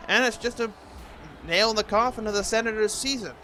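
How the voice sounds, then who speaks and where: A man doing an announcer-style play-by-play commentary of a hockey video game, excitable on big plays. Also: sits high, brisk, slight background noise.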